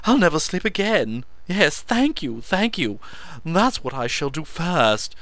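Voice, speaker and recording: A squeaky, shrill eccentric alchemist, bursting with manic excitement. He blathers breathlessly, his voice leaping high and loud, with a bright, sharp edge. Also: a little slow, dry recording, full character voice.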